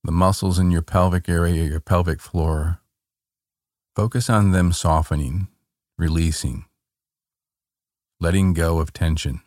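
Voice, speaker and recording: Calm, meditative man with a very low voice. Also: dry recording, clean studio sound. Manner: gentle, unhurried instruction with short soothing phrases. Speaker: meditation guide. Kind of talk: guided body-scan relaxation.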